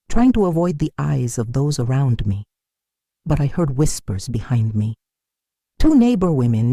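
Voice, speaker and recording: Older woman narrator, mellow and dry, lively pitch, sombre scripted storytelling. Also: no room sound. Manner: sombre, measured, wounded. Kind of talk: scripted first-person narration.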